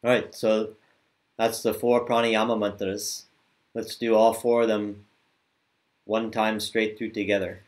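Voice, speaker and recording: A man teaching yoga mantra chanting over a video call, drawing out the chants slowly and talking more quickly between them. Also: fairly low pitch, level tone. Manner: slow drawn-out chanting, quicker casual asides.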